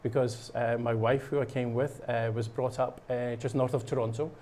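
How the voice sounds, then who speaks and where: A man with a Scottish accent from Scotland, a guest on a local show, talks casually while painting in the studio, explaining a program with a rambling delivery full of fillers and restarts. His mid-range voice has a steady, darkish tone and a moderate pace, with a little hiss or hum in the recording.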